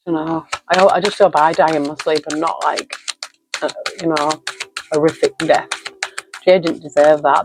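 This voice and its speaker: A woman's voice: low voice, noisy background. Emotional woman reading tarot cards. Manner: reflective, emotional, lists card meanings aloud. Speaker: tarot reader. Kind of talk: spoken tarot card reading.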